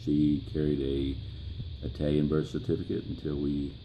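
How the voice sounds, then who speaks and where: An elderly American man with a gravelly old voice, reminiscing in a plain-spoken, halting way in an interview. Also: a bass voice, flat delivery, dark tone, slight background noise, poor audio. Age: 70s or older. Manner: plain-spoken, halting, pausing mid-phrase. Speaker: interviewee, grandfather.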